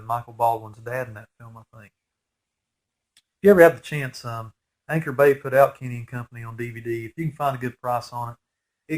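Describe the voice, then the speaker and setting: A man in his forties gives casual commentary on a movie as a fan, his mid-range voice nasal and stuffy from a head cold. He rambles chattily and shows open, geeky excitement about what's on screen.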